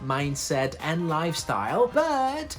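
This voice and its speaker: A woman's voice: sing-song, soft background music. Jokey woman hosting an explainer. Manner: jokey, with quick asides in lower voice. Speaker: host. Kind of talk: comedic explainer monologue.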